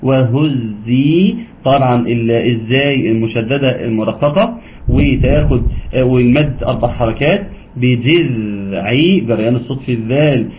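A man with an Egyptian accent teaching Quran recitation rules in an online lesson, explaining patiently and chanting verses slowly. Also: mid-range voice, fairly even intonation. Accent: Egyptian Arabic. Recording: tinny phone-line audio with faint background noise.

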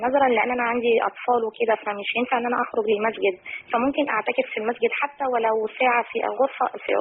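An Egyptian woman phoning a religious programme with polite questions for the sheikh. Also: a little high. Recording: rough narrow phone line.

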